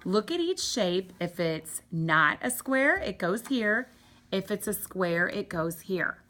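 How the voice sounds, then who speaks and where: A woman teacher giving a home lesson to young children. She reads aloud slowly in a sing-song way and gives bright, encouraging step-by-step directions. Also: medium pitch, lively intonation. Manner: slow, sing-song read-aloud with drawn-out words.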